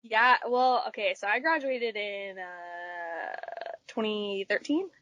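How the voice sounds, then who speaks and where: A woman in her twenties from Texas, a podcast guest telling stories in an animated way, filling with "like" often. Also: medium pitch, takes it slowly, dry recording. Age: 20s. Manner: animated storyteller, says "like" a lot. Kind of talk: casual chat.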